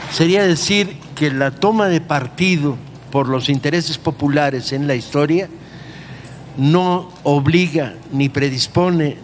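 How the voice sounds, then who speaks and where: Deliberate, fairly high-voiced man making an argument. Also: a little hiss or hum. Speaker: discussion participant. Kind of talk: unscripted analytical panel discussion.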